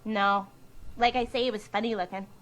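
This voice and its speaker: An actress playing a vague young woman witness with a Minnesotan accent, answering flatly. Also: mid-range voice, normal speed, natural voice.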